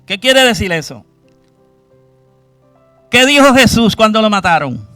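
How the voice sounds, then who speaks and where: High bright guy preaching, keeps quizzing the church, dry sound w/ soft music behind. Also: big pitch swings, a little slow, clear, resonant tone, no room sound. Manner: asks the congregation questions, acts out cries to God. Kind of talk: sermon.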